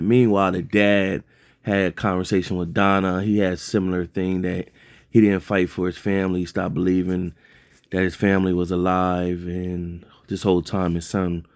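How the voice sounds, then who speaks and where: A man's voice: sits low, no room sound, studio quality. A man casually recapping a TV episode, rambling loosely with lots of fillers and self-corrections.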